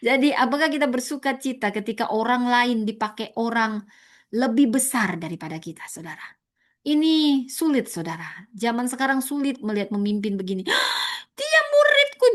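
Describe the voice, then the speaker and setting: A woman preaching a sermon, animated, repeating words for stress and jumping high to mimic others. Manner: animated, leaps to high pitch for emphasis and mock quotes; addresses listeners as "saudara", repeats words for stress.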